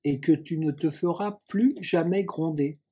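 A man voicing a kind, gently scolding young girl in a storybook reading. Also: fairly high pitch, a little slow, breathy edge. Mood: gentle.

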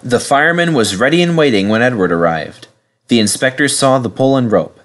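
A man narrating a children's storybook aloud in a lively, expressive way. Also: medium pitch, a little fast. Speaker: reader.

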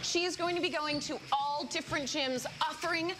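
A woman's voice: high voice, brisk. An American woman in her thirties doing live, casual morning-show reporting from a gym. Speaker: TV field reporter. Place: busy indoor gym during a class. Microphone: TV broadcast microphone. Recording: noisy gym live broadcast.

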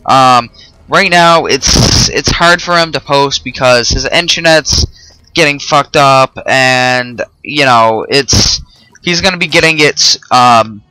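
A man rambling through a let's-play video, swearing casually as he chats with viewers. His voice is bright and crisp. It is recorded close and dry, with no room sound. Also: mid-range voice, takes it slowly, no room sound, poor audio. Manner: rambling, full of fillers and swearing. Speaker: host of a gaming channel.

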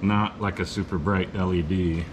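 An upbeat young man with a somewhat low voice chats and comments during a model railroad setup. The home-video sound carries steady background noise. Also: moderate pace. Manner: upbeat, commenting, asks questions. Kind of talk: casual chat on a hobby video. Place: garage and train room, indoors. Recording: noisy home video audio.

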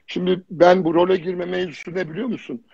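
A high-pitched man with a husky voice chats casually on a livestream, telling his stories with blunt slang and lots of repetition. He grew up in Germany and sits on a fitness jury. The sound is dry and dull, like lo-fi stream audio. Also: flat delivery, a little fast, darkish tone, dry recording. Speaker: fitness jury member, guest. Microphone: phone or computer on a live video stream.

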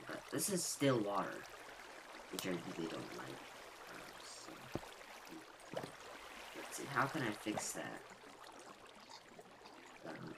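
Raspy-voiced man narrating his gameplay. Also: sits low. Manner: thinking aloud while he builds. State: raspy morning voice, just woke up. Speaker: gaming channel host. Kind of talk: gameplay walkthrough commentary. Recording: home mic with steady noise and clicks.

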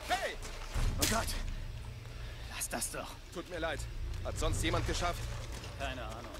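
A man's voice: fairly high pitch, big pitch swings, a little slow. An actor voicing a nervous male soldier on patrol in a video game, muttering in a jumpy way. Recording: game audio with loud noise.

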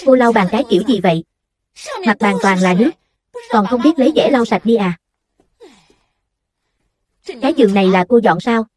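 A woman's voice: mid-range voice, moderate pace, long pauses, a little mellow, lightly acted. A woman voicing a harsh, contemptuous woman salon owner who scolds and belittles her new worker, read in a voice-over dub. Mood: scolding.

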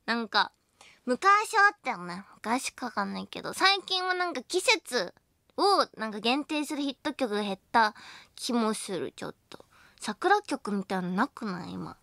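A woman's voice: fairly high pitch, sing-song, normal speed, gravelly, sharp tone, no echo, studio quality. A young woman hosting a late-night radio show, chatting casually and playfully, giggling often and teasing herself. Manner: acts out both sides of a mock argument. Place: radio studio. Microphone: studio microphone.

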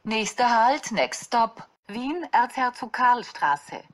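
A woman announces each next stop on board a train. She speaks slowly and formally. Her voice sits slightly high. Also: big pitch swings, fairly bright tone. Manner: formal, crisp station-name announcing.

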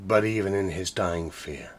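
Delivered at a normal speed, this narrative ballad comes from a man telling the story theatrically, rising from quiet to thunderous.

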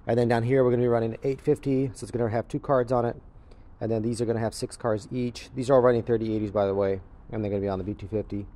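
Here a man with a warm, mid-range voice explains his crypto mining farm as he films it, holding the camera or phone himself. It's an unscripted, casual, matter-of-fact walkthrough set in a large indoor warehouse on a concrete floor.

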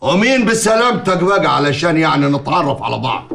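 An actor with an Upper Egyptian accent playing a domineering village mayor who taunts and threatens in a TV drama. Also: male voice, on the high side, very animated, fast talker, gravelly, roomy sound, very noisy. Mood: mocking. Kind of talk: TV drama acting.

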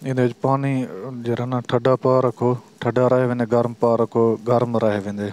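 A man's voice: mid-range voice, level tone, darkish tone. A man giving casual, friendly shopping vlog narration, filmed on a handheld phone while walking through a large shop. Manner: friendly greetings, chatty and unhurried. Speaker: vlogger. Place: large shop indoors, filmed outside first.

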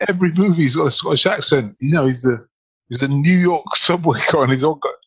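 A man co-hosting a podcast as a speaking coach, talking in an animated, emphatic way with lots of rhetorical questions. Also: fairly high pitch, quick pace, slightly rough, highs cut off. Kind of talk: casual podcast chat.

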